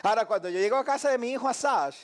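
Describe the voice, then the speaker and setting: High-voiced, animated male preacher. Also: racing. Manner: animated, acts out voices and shouts; jokes and laughs with listeners. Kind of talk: live Bible teaching.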